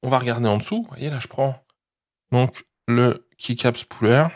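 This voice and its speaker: A man's voice: mid-range voice, normal speed. A man hosting a tech channel, chatting casually through a product review and explaining each step, often checking in with his viewers.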